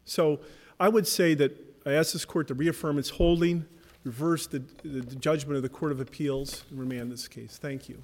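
A man's voice: a little high, steady tone, normal speed, darkish tone. A man arguing a case in court as a defense attorney, formal and insistent. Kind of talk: oral argument in court. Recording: long hall reverberation.

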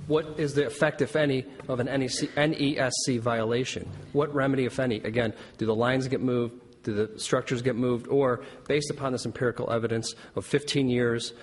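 Husky American lawyer arguing in a hall. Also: male voice, medium pitch. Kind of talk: formal oral argument in court. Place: large indoor courtroom. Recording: reverberant courtroom hall.

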